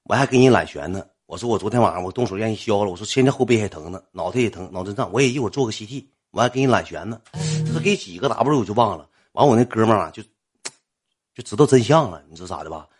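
A man with a Northeastern Chinese accent telling a comic story in a rambling, colloquial, animated way. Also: fairly low pitch, rapid-fire, breathy edge.

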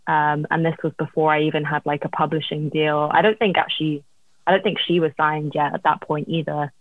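A woman's voice: low voice, level tone, brisk, no echo, narrow, tinny audio. A woman songwriter being interviewed, chatting casually about her career over thin call audio. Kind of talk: casual chat, telling career story.

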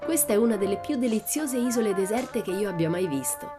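A woman voicing a bold, cheeky girl adventurer who talks in a lively, boastful, playful way. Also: medium pitch, fast, over music, voice pushed up, lightly acted. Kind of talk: audiobook character voice.

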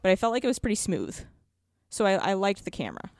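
This woman co-hosts a podcast and reviews games in a casual, emphatic, enthusiastic way. She talks fast at a medium pitch that swoops wildly, with a darkish tone. The studio sound is clean, with no echo.

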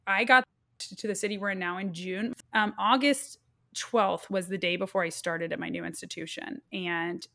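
A woman in her thirties, a guest speaking earnestly and haltingly as she recounts a personal loss. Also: mid-range voice, a bit bright. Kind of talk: emotional personal storytelling.

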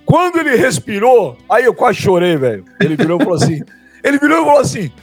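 A man in casual chat as co-host, an excitable storyteller who exclaims and repeats himself. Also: high voice, fast, husky, faint music behind.

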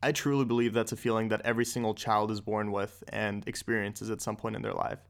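A man's voice: on the low side, flat delivery, quick pace. A man in his twenties from Austria, hosting a podcast and talking loosely and candidly. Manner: loose and candid, lots of "like" and swearing. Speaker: podcast host. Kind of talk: casual podcast chat. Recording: echoey room.

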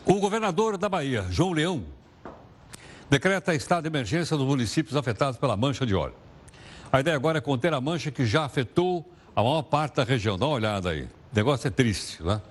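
A man's voice: mid-range voice, expressive, fast talker. A man presenting the news in a casual, chatty way, asking viewers rhetorical questions.

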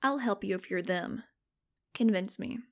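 A woman's voice: mid-range voice, unhurried, lightly acted. A woman voicing a paranoid, laid-back young male hacker who talks in a casual, slangy way. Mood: wary.

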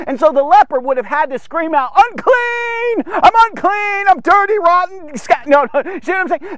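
A man hosting a Bible devotional podcast, teaching in a casual, jokey and energetic way and repeating words for emphasis. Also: extremely high pitch, no room sound. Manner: energetic, jokey and conversational, with many asides to listeners.

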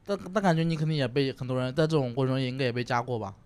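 A man's voice: medium pitch, rapid-fire, darkish tone, clean tone. A young man chatting on a comedy talk show, telling stories animatedly and acting out quoted lines. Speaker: comedian panelist. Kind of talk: casual chat.

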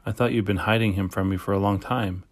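A curious, slightly bossy schoolboy with a matter-of-fact, teasing manner, as a man reading a children's audiobook puts him on. The voice sits fairly low for the boy. The delivery is quick and probing. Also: steady tone. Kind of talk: audiobook character voice.

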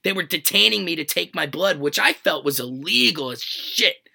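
A man's voice: a little high, lively intonation, moderate pace, gravelly, bright, forceful tone, breathy edge. A man telling a profane story as a comedian, acting out dialogue and swearing freely in exasperation.

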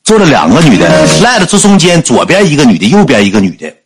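A man's voice: mid-range voice, quick pace. A man with a Northeastern Chinese accent telling a funny anecdote on a livestream and acting out the people in it. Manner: animated, acts out the people in his story. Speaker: storyteller. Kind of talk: comic anecdote storytelling on a livestream.

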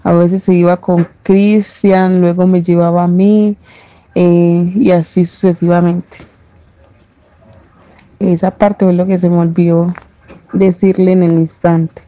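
Dark-voiced Paisa Colombian woman. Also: lowish voice, flat delivery, no room sound. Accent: Paisa Colombian Spanish. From Medellín, Colombia. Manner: reflective, unhurried recollection. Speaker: interviewee, daughter of a domestic worker. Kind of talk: personal testimony.

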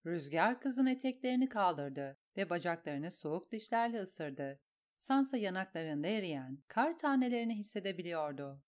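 A woman's voice: on the low side, moderate pace. A woman giving a dramatic storybook narration and acting out the characters. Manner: expressive, acts out the characters. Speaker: audiobook narrator.

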